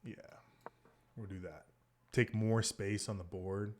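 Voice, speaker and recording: A man thinking aloud as he plays online chess, muttering moves and often dropping to a hushed near whisper. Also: fairly low pitch, steady tone, slow, a little hiss or hum. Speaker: chess streamer.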